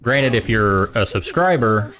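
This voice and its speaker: Deep-voiced man casually streaming a game. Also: unhurried, a crowd in the background. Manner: relaxed rambling, talking while eating. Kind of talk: casual gaming stream chat.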